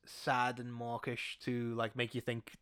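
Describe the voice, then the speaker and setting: A man's voice: medium pitch, monotone, a little slow, fairly bright tone, smooth, dry recording. A man co-hosting a podcast, chatting casually about a TV episode with wry, dry asides. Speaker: podcast co-host. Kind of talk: casual chat reviewing a TV episode.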